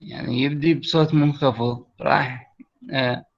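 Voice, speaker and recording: A man's voice: mid-range voice, fairly even intonation, normal speed. Iraqi man teaching over a lo-fi call. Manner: explains step by step and checks that students follow. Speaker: English teacher. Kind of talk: online class explanation. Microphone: computer mic on a video call. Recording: lo-fi online call audio.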